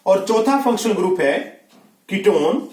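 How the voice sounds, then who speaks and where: A man's voice: sits high, lively intonation, a little slow, a little mellow. A man teaching a science class online, explaining step by step and often asking whether students have understood. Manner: explains step by step, asks checking questions. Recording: echoey room.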